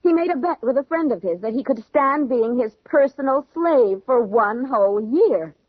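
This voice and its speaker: On a dull vintage radio recording that sounds dry, an actress plays a proud, defiant young engaged woman in a radio drama, distressed, indignant, and theatrical. Her high voice has lively intonation at a moderate pace, and the mood is bitter and weary.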